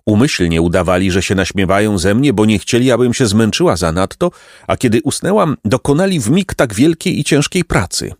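Storybook figure: a worn-out old mother, tender and overjoyed, raised lively voice, put on by a male narrator, dry close sound. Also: fairly low pitch, fairly quick, no room sound. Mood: tearful joy.

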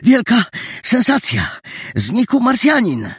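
A man doing a shrill, breathless boy. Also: a little slow, breathy edge, no room sound, clean studio sound, full character voice. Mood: excited. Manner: shrill excited shouting. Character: excitable breathless boy detective.

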